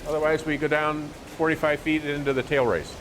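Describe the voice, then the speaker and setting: A man giving an informal guided tour inside an old mill and tunnel, explaining things in a halting way. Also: a little high, flat delivery, background noise.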